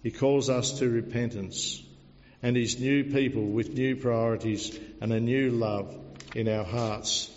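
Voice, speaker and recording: A man, a pastor, preaching an earnest sermon and telling a story to illustrate it, in a measured way. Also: medium pitch, steady tone, darkish tone. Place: church. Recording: dull recording, long church reverb.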